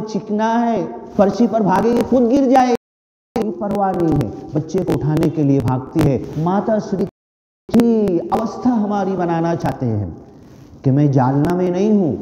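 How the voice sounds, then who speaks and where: A slow, earnest man's voice delivering a devotional sermon, high-pitched and mellow. He repeats his phrases with growing fervour. The sound is dull, with the long reverb of a large hall. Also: slight background noise. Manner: earnest, repetitive, fervent. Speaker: preacher. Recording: dull, echoey hall recording.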